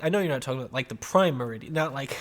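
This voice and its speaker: A man's voice: mid-range voice, animated, rapid-fire. A man from the northern United States co-hosting casual banter, breaking in with joking, incredulous questions. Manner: joking, incredulous, informal interjections. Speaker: podcast co-host.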